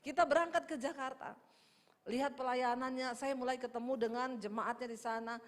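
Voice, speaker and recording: A middle-aged woman pastor preaches, her voice sitting a little high. She tells a personal story to her congregation and acts out each person in it. The sound trails off in the long reverb of a church hall. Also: a little fast. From Indonesia. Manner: lively anecdotes, acts out voices in dialogue, addresses the congregation. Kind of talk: sermon storytelling.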